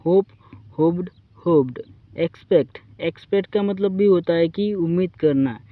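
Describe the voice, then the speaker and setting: A man with an Indian accent teaching English vocabulary, reciting verb forms in a slow drilling way and addressing viewers as friends. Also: sits high, dry recording, phone-quality sound.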